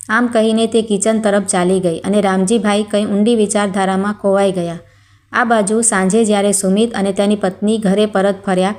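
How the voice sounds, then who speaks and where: Woman, storyteller, scripted story narration, steady even reading. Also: mid-range voice.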